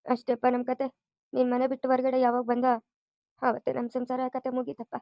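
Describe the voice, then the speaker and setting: A woman's voice: sits high, monotone, fairly quick, creaky, dry recording, lo-fi sound. Tearful, lamenting mother. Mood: sorrowful. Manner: sorrowful, lamenting. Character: tearful middle-aged mother, anxious about family.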